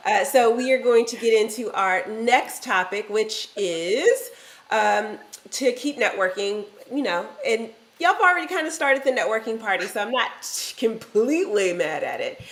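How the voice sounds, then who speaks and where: A woman's voice: fairly high pitch, lively intonation, moderate pace. A woman hosting a casual business talk show, chatty and playful as she keeps the conversation moving. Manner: chatty, self-deprecating, playful. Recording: roomy echo.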